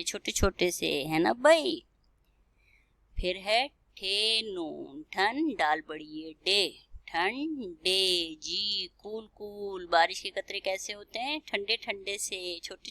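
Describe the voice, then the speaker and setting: A woman teacher with a fairly low voice speaks to small children, sounding out each word slowly letter by letter. She keeps pausing to ask whether they follow. The recording is close and dry, with no room sound. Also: fairly bright tone, no echo. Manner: spells words letter by letter, slows down to sound them out; keeps asking the children questions and checking "okay?". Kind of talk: recorded classroom lesson.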